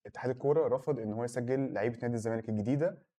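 Male sports pundit, Egyptian Arabic accent, rapid-fire informal delivery, mellow lowish tone. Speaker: regular sports commentator. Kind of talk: conversational sports news explanation.

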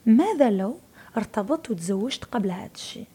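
Woman, Algerian Arabic accent, 30s, interview guest, emphatic, rapid, warm and dark. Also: on the high side, lively intonation, breathy edge. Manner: emphatic, repeats words for stress. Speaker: guest, media personality. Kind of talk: casual interview talk.

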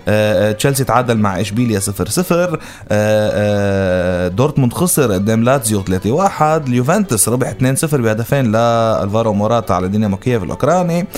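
A man's voice: lowish voice, animated, rapid-fire, a little mellow. A man hosting a morning radio show, jokey and chatty. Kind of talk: casual radio banter. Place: radio studio.

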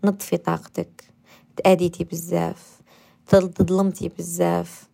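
A low, gravelly woman's voice with a mellow, dark tone and an Algerian Arabic accent. She hosts a guided meditation and self-affirmation talk on the radio. She coaxes gently, repeats affirmations and sinks at times into a soft whisper. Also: flat delivery, normal speed. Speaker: radio host.

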